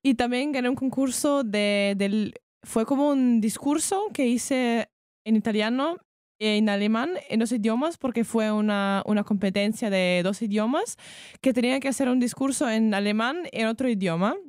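A woman's voice: fairly high pitch, moderate pace, darkish tone, dry recording, clean studio sound. A young woman from Ukraine, speaking carefully as a talk show guest. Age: young adult. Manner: careful, self-correcting.

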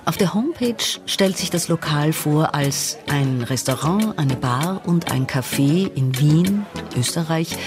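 A woman reporter reading a scripted news feature narration in a composed, even way. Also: low-pitched. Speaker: radio reporter.

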